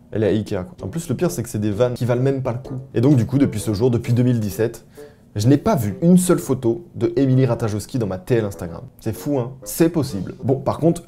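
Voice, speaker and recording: Mellow-voiced man telling crude anecdotes. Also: on the low side. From France. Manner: animated, self-mocking, slangy and crude. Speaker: vlogger. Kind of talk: casual anecdote storytelling.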